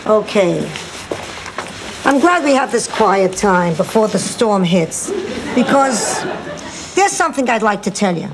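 An older actress playing a blunt, sly elderly mother, delivering deadpan wisecracks in studio sitcom style. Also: medium pitch, measured pace, pauses often, crowd noise. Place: sitcom kitchen set. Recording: noisy 1990s TV sitcom audio.

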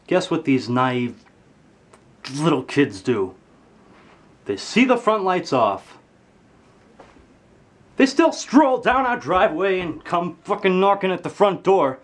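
A teenage vlogger rants comedically to camera from his bedroom indoors, swinging between shouts and mutters. His anger is exaggerated, he swears, and his pitch jumps high when he gets outraged.

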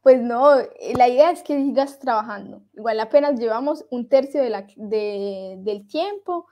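A woman with a fairly high voice leads a French lesson, explaining in Spanish and switching back to French. She talks at an unhurried pace. She says tricky words over and over, so her students can hear each sound. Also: muffled recording. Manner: slow, repeats words to drill pronunciation. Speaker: French teacher. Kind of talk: online language lesson.

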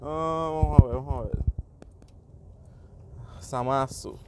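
A man's voice: medium pitch, fairly even intonation, takes it slowly, very noisy. A man giving casual commentary on game summons, switching between Spanish and English and reacting to each pull. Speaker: gaming YouTuber.

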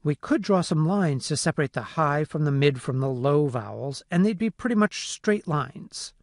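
A man narrating a phonetics lesson in a clear, methodical way. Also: fairly high pitch, lively intonation, normal speed, no echo, clean studio sound. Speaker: phonetics instructor. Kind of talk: scripted lecture narration.

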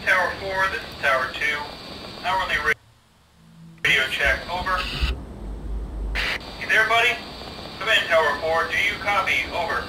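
A man acting out a friendly lookout on a fire tower, running through radio call-sign checks over a crackly two-way radio. His voice sits a bit high for a man and comes through distant and echoey, with heavy static hiss around it. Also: a little slow, long pauses. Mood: routine. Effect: crackly two-way radio transmission.

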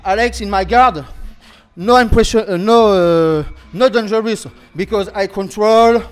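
A young French man, a fighter being interviewed after a bout, speaking halting, broken English with a French accent and repeating words as he searches for them. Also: sits high, fairly even intonation. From France. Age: young adult. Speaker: MMA fighter. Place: indoor event backdrop interview area. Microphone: handheld interview microphone held close.

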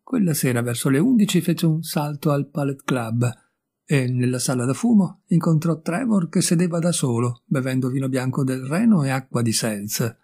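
A man narrating a literary short story in a calm, measured storytelling manner. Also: medium pitch, breathy edge. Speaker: audiobook reader.

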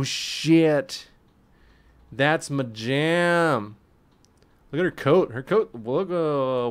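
A man streaming gameplay, commenting casually in slang with swearing, a little tipsy from drinking, and breaking into excited yells during play. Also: mid-range voice, smooth. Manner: laid-back, slangy, swears, bursts into excited yelling at play. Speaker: gaming streamer.

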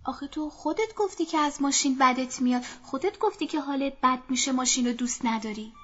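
A woman's voice: sits high, slight background noise, natural voice. A woman voicing an irritated, tired mother who scolds her child sharply, in a dull lo-fi recording. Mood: reproachful.

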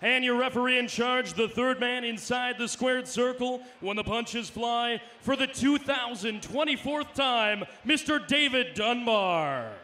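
A man working as a boxing ring announcer, booming drawn-out introductions with bits of Spanish. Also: bright, forceful tone, slight background noise. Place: arena.

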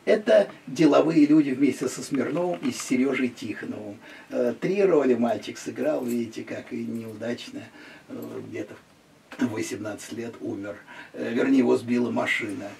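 A man's voice: mid-range voice, normal speed, creaky, recorded from a distance, a little hiss or hum. Chatty older man giving a home-museum tour. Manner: lively, chatty, gesturing at photos. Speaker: private museum owner and guide. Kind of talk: casual guided tour. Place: small room of a home museum full of pictures. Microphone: handheld camera following him.

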